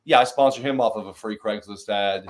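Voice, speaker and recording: A man's voice: lowish voice, fairly quick. A man hosting a casual interview, talking with energy and rambling through many fillers and restarts. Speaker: podcast host.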